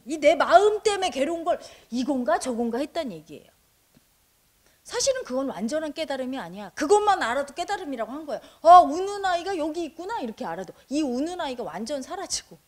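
A middle-aged woman gives a spoken meditation talk in a high, bright-toned voice. Her pitch swings widely as she acts out little quoted thoughts. She keeps turning to her listeners with questions. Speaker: meditation teacher. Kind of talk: spoken dharma talk to an audience.

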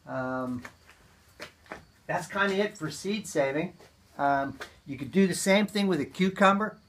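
A man with a slightly high-pitched voice gives a relaxed, hands-on gardening lesson. His delivery is chatty and folksy, loose and unscripted, and filled with ums and uhs. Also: slight background noise. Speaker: gardening teacher. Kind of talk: casual hands-on demonstration.

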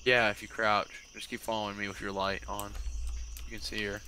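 Young man, low bright voice, scared horror game streamer, casual gameplay chatter, jumpy, background noise. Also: level tone, brisk. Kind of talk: casual gameplay commentary with a friend.

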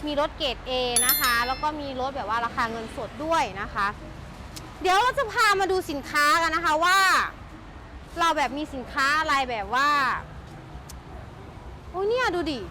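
A woman with a strikingly high voice hosts a chatty sales walkaround, gushing with enthusiasm over what is on offer. The recording is noisy and handheld, with vehicle sounds behind her. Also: animated, moderate pace, pauses often, bright, forceful tone. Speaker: motorbike shop sales host and presenter.

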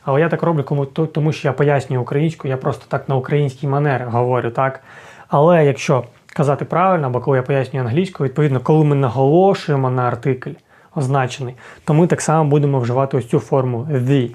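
A man teaching an English lesson, patiently explaining and repeating sounds slowly to demonstrate them. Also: medium pitch, darkish tone.

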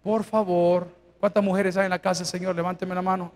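Pastor guy preaching, high voice, goes from quiet to yelling. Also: level tone, brisk. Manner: preaching with rhetorical questions, swings from hushed to shouting. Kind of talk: sermon.

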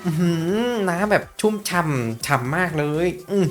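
A man's voice: on the high side, normal speed, soft background music. Playful man doing game commentary. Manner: animated, jokey, talks to viewers as "everyone". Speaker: gaming YouTuber.

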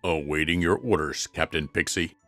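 A man voicing a big, gruff but patient guard dog with a deadpan, weary manner in a comic dub. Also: a bass voice, normal speed, dry recording, faint music behind.

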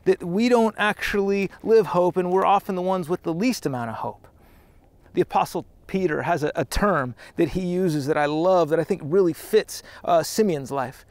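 A thirties-aged pastor with a high-sitting voice preaches outdoors on a trail. He's earnest and conversational, often restarting his sentences. The recording is dry.

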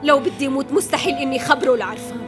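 An actress dubbing, in a Levantine Arabic accent, an anxious young wife who talks tensely and in hushed tones. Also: female voice, high-pitched, rapid-fire, loud music behind the voice, close to an everyday voice. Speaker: dubbing actor.

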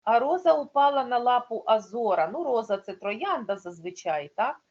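A woman's voice: fairly high pitch, animated, normal speed, darkish tone, lo-fi sound. A woman teaching a primary school class online, explaining patiently step by step.

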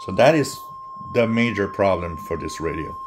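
A man giving a casual hands-on gadget demonstration as a reviewer, thinking aloud in halting short phrases. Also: lowish voice, huge pitch swings, noisy background. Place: indoors at a wooden table.

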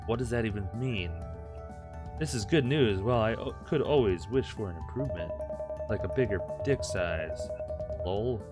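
A gaming host with a fairly low voice reads a visual novel aloud at normal speed, irreverent and crude, stopping for joking asides. Game music plays clearly behind him.

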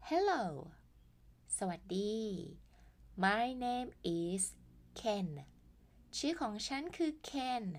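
Very slow, patient Thai woman teacher. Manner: very slow, patient, spells words out and sings greetings high. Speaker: primary school English teacher. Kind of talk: slow, drawn-out worksheet lesson for young children.

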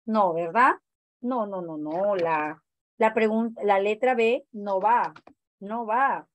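A woman's voice: mid-range voice, slow, no echo. A woman teacher leading an online training class, explaining exam answers and asking the group questions. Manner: questioning, explanatory, many fillers.

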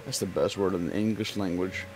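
A man's voice: low-pitched, steady tone, a little fast, a little mellow, faint music behind. A young man with a lisp giving rambling, joking commentary as he plays a video game. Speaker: let's play commentator. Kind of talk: casual gameplay commentary.

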